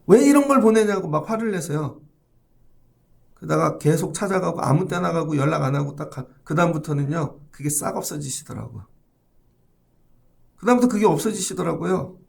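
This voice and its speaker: A middle-aged pastor with a slightly high, creaky voice preaches a morning sermon in church, talking conversationally and addressing the congregation directly.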